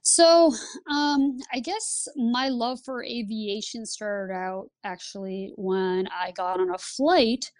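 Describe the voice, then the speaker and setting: A woman, a podcast guest telling her story in a lively, casual way. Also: on the high side, slow, clean tone, no echo. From Lithuania. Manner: lively, laughs while telling stories. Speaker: guest, Air Force pilot instructor.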